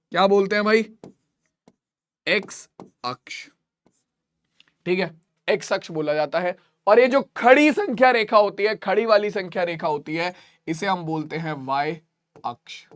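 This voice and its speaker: A man with a high, smooth voice teaches a math lesson. He repeats each point and questions his students to check they're following.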